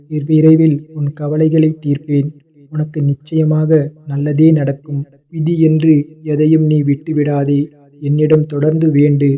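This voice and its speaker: A man voicing a calm fatherly god. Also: on the high side, natural voice. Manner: calm, consoling, repeats endearments. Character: fatherly male god comforting his child. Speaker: deity addressing a devotee. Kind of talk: devotional address.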